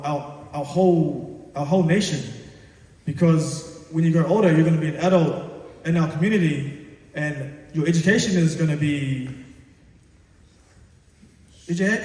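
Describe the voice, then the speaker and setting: In a big echoing hall, picked up from a distance, a male teacher gives an earnest school assembly talk. His voice sits fairly high for a man. He is encouraging but hesitant, not yet at ease with public speaking. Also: darkish tone. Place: large reverberant indoor assembly space. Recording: echoey hall, distant microphone.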